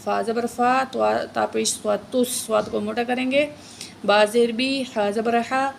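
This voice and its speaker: A woman leads a tajweed lesson, reciting each word slowly and stretched out, then explaining letters and marks at a brisk clip. Her voice sits a little high with a gravelly fry. A faint hiss runs under the recording. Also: steady tone. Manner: slow drawn-out recitation alternating with quick spelling explanations. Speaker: Quran recitation teacher.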